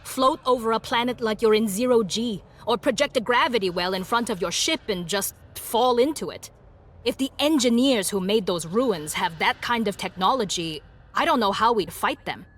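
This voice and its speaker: A woman's voice: on the high side, fairly bright tone. An actress playing a thoughtful female space marine in a video game, speculating in a musing way. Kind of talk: video game cutscene dialogue.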